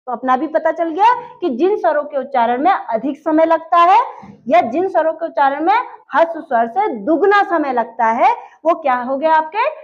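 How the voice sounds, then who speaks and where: A woman teacher giving a grammar lesson, asking her class questions and answering them herself. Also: very high voice. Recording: dull lo-fi sound.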